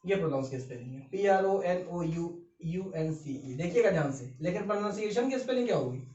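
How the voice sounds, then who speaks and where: A man teaching vocabulary, explaining word meanings in an animated way and often asking and answering his own questions. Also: high-pitched, fairly quick. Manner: animated, repetitive questioning, calls viewers beta and bhai. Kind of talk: explaining lesson in Hindi and English. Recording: echoey room, mic at a distance, dull sound.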